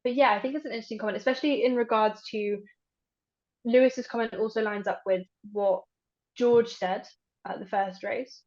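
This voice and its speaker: A woman's voice: a little high, fairly even intonation, moderate pace, a little mellow. A young woman co-hosting a podcast in casual chat. She hedges a lot and uses many fillers. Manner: chatty, hedging, many fillers. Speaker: podcast co-host. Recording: dull lo-fi audio.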